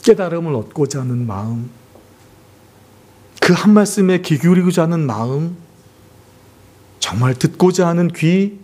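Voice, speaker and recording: A man's voice: expressive, moderate pace, pauses often, darkish tone. A man preaching a sermon as pastor, earnest, acting out family scenes as he makes his points. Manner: earnest, acts out family scenes with sweeping pitch swings. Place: church sanctuary.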